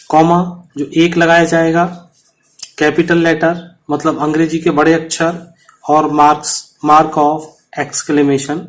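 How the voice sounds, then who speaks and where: A man teaching a punctuation lesson to students, explaining patiently and repeating each example. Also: fairly high pitch.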